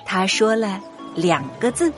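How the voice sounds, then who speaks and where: A woman's voice: medium pitch, animated, a little slow. A woman narrating a scripted story for young children as a storyteller. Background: music.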